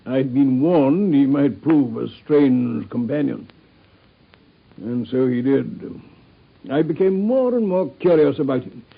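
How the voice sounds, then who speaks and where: An actor playing a friendly, curious army doctor in a radio play, genial and amiable, on a dull lo-fi broadcast recording. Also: male voice, mid-range voice, expressive, vocal fry, breathy edge, heavily acted. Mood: recollecting. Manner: genial, amiable, quick to laugh. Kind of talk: 1950s-style BBC radio drama acting.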